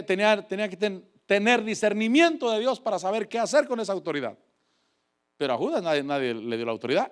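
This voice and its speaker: A man preaching a fervent sermon, calling on the congregation to repeat after him and swinging between loud exhortation and soft asides. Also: sits high.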